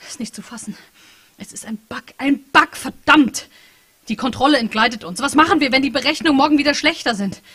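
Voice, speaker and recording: A woman reading the part of a stressed young female programmer, loud and exasperated, swearing as she talks. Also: high voice, very fast, hardly any pauses, slightly rough, no echo, studio quality, pitched above the performer's own voice. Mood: frustrated. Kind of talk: author reading a novel aloud.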